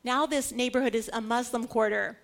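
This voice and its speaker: Speaking fairly quickly in a notably high, creaky voice with fairly even intonation, a woman delivers a teaching sermon on Bible history. She stresses key words dramatically and keeps turning to her audience with rhetorical questions, much as a preacher explaining scripture would.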